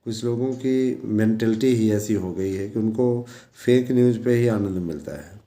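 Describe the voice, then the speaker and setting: In an echoey room, a warm, low-voiced man talks at normal speed to his followers in a casual monologue. A teacher and online news presenter, he exhorts them repeatedly and keeps checking in with tags.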